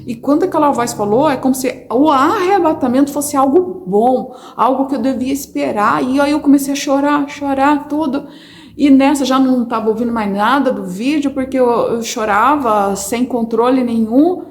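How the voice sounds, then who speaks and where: Expressive Brazilian woman telling a testimony. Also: high voice, normal speed. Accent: Brazilian Portuguese. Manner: expressive storyteller, addresses viewers as brothers. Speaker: testimony speaker. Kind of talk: personal religious testimony, casual. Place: small corner of her home.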